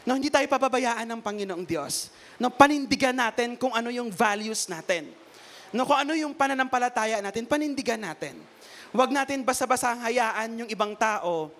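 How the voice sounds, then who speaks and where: A man with a strikingly high voice gives a relaxed, chatty sermon that moves between Tagalog and English. He keeps pulling listeners in with quick tag questions, like a preacher talking with the congregation rather than at it. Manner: conversational, peppers talk with tag questions. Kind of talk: Taglish sermon.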